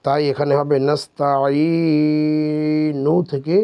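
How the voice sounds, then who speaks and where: A man teaching Quran reading step by step, spelling out letters and drawing out syllables slowly. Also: medium pitch, steady tone, a little mellow, dry recording. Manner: slow, drawn-out syllable drills. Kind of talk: step-by-step recitation lesson.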